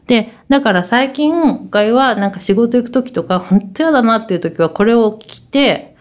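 A woman's voice: a little high, lively intonation, normal speed. A woman hosting a casual radio talk corner, rambling along chattily, calling herself by her nickname and turning to her co-host to check details. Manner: asks the co-host for confirmation.

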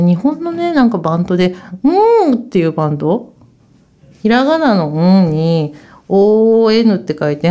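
A woman hosts a casual radio talk corner, rambling chattily, referring to herself by her nickname, and turning to her co-host to confirm details. Her voice is fairly low and mellow.

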